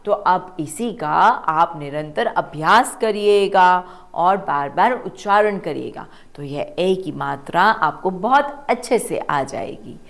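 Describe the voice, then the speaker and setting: A woman teaching children to read, sounding out words slowly syllable by syllable and asking them to repeat. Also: fairly low pitch, animated, creaky. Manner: slow, drawn-out syllable-by-syllable pronunciation. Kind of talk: children's reading lesson.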